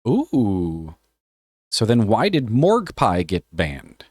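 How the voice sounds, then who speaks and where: A man's voice: fairly low pitch, wildly swooping pitch, slow pace, a little mellow, no echo, studio quality. A man streaming live, reading a policy aloud and joking casually with his chat, often swearing. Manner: joking, offhand, swears freely.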